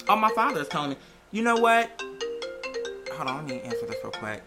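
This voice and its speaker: Over background music, the American creator keeps up a brisk, sing-song delivery at medium pitch. It's loose, candid personal chatter, full of rambling and repeated phrases for emphasis.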